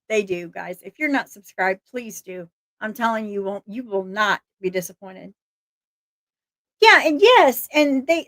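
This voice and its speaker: Reading missing persons flyers aloud and chatting with her viewers, this livestream host speaks in a somewhat high, slightly bright voice with a bit of hoarseness. She laughs easily and trips over words, starting them again, and the audio is close and dry without any room echo.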